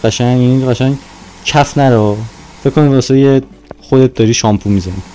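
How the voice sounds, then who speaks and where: A man's voice: mid-range voice, dark tone, slight background noise, poor audio. A young man giving casual, playful commentary while playing a car-washing game, talking to himself as he goes. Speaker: gaming YouTuber.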